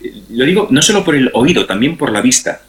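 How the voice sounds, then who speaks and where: With a mid-range voice, lively intonation and a fairly quick pace, a middle-aged Spanish man talks about family and sex education as a guest speaker. He explains in a conversational interview style, didactically repeating phrases for emphasis. The recording comes from an echoey room and sounds roomy.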